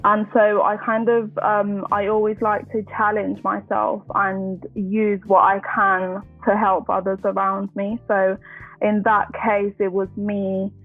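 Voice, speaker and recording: Soft music sits behind a casual podcast interview with a twenty-something woman from Colombia who grew up in London, heard over a tinny line. Her medium-pitched voice is level and slow-paced. She's chatty, with many fillers and restarts.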